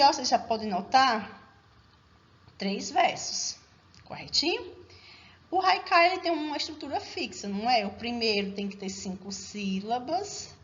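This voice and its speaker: A woman's voice: a little high, muffled recording. A woman teacher giving a recorded class, explaining step by step and regularly checking that her students are following. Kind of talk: recorded remote class lesson.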